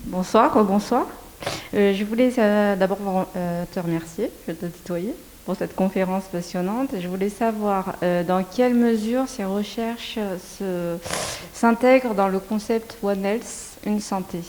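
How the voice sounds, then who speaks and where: Femme dans le public, ton poli et hésitant, bruit discret. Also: female voice, medium pitch, a little slow, a little mellow, a little hiss or hum. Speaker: audience member asking a question.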